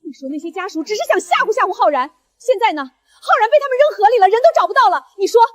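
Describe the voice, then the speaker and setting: A woman's voice: very high voice, sing-song, rapid-fire, fairly bright tone, heavily acted. A middle-aged actress playing a desperate mother, pleading and crying for her missing son. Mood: distraught. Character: distraught older mother, desperate.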